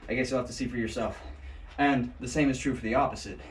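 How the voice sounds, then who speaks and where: A man's voice: medium pitch, steady tone, fast talker. A man giving a casual martial arts lesson, joking and thinking aloud as he demonstrates, recorded on an action camera set some way off in an indoor training space. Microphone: action camera set at a distance. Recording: echoey room, distant camera mic, faint noise.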